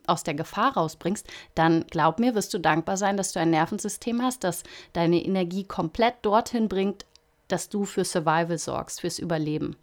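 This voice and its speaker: Woman, lowish pitch, earnest reflective coach monologue, candid and searching. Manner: earnest, searching, self-disclosing.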